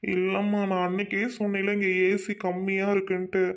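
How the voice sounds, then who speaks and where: A woman's voice: mid-range voice, completely flat delivery, fairly quick, lightly acted. A woman voicing an anxious, lovesick young college man who talks earnestly and worriedly in an amateur audio drama.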